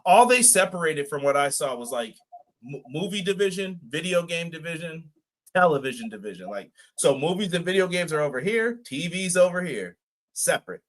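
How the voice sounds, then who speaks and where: A co-host of a live wrestling podcast keeps things laid-back, reading viewer comments from the chat aloud and laughing often. His voice is a little high, fairly bright, animated and brisk.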